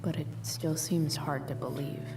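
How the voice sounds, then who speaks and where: A woman's voice: sits low, steady tone, normal speed, darkish tone, natural voice. A woman playing a guarded, rebellious teenage girl musing to herself in a video game, dry and understated. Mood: subdued, pensive. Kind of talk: video game character's inner monologue. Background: game music.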